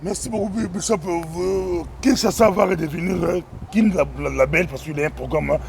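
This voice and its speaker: A man's voice: high-pitched, a little fast, vocal fry, darkish tone, slight background noise. A man hosting an interview as a pastor, talking hesitantly with many restarts.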